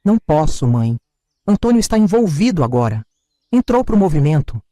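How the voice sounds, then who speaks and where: A man's voice: on the high side, sing-song, normal speed, mellow, no room sound, clean studio sound. A man voicing a hardened nineteen-year-old son who talks urgently and pleads. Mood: pleading.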